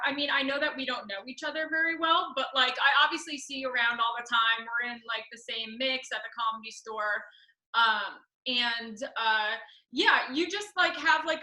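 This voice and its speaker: A woman's voice: on the high side, pushed and bright, reverberant, low-quality recording. A woman from New York hosts a casual interview, speaking informally and effusively with plenty of "like". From Westchester, New York. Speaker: podcast host.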